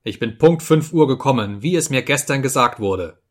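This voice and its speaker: A man voicing an irritable young male clerk who answers sharply and loudly. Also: medium pitch, a little slow. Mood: indignant. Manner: sharp, raised, agitated delivery.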